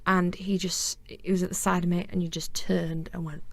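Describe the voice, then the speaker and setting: Gravelly Yorkshire woman telling stories. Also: normal speed, no room sound. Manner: animated storytelling, acts out quotes in a higher voice. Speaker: podcast co-host. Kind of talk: casual chat.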